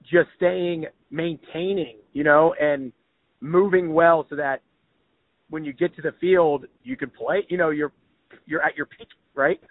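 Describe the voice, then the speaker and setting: A man's voice: fairly high pitch, steady tone, measured pace, no room sound. Upbeat slangy man hosting a podcast. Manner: upbeat, slangy, lots of "like" and "dude". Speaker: podcast host. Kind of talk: casual podcast interview. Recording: tinny phone-like audio, dry.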